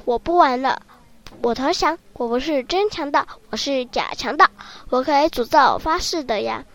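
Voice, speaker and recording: A woman's voice: high-pitched, expressive, normal speed, a bit bright. A woman voicing a cowardly male wolf who plays at being a bandit, blustering and trembling in a children's story. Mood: scared.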